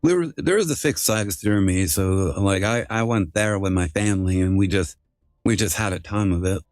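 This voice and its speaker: A man's voice: low-pitched, normal speed, a little mellow, no room sound, studio quality. A man streaming live through a voice changer, chatting casually with rambling, filler-heavy sentences that often restart. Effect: voice changer altering his voice.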